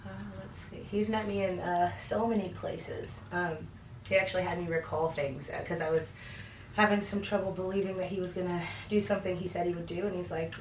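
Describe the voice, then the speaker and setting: A woman's voice: fairly low pitch, steady tone, a little fast, echoey room, far from the mic, slight background noise. A woman in her thirties sharing a faith testimony in an interview, candid and full of fillers. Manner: candid, many fillers, laughs often. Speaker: guest.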